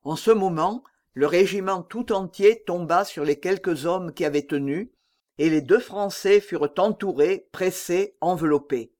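Man narrating an audiobook with steady drama. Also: high voice, measured pace. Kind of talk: scripted narration.

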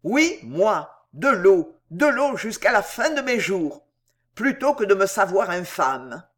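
A reader voicing a proud man poet who declaims with booming indignation. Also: very animated, slow, fairly bright tone, exaggerated voice. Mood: raging indignation.

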